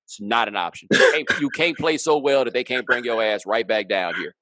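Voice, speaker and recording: A man's voice: mid-range voice, lively intonation, a little fast, pushed and bright, dry recording. A man talking as a guest on a casual sports podcast, emphatic and driving his points home with rhetorical questions.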